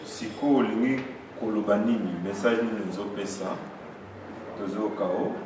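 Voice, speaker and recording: A man's voice: on the low side, normal speed, very echoey, distant mic, background noise. A man asking an interview question in a hotel lobby.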